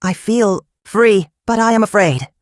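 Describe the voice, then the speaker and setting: A storyteller voicing a frightened young bride in a folktale who speaks in short, soft phrases. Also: medium pitch, measured pace, no room sound, studio quality, voice pushed up, natural voice. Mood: earnest.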